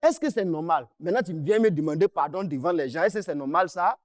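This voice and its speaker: Angry high-voiced man pressing his case. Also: animated, quick pace, no echo, clean studio sound. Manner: angry, insistent, repeats himself, interrupts. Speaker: client in a dispute. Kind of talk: heated confrontation on a mediation show.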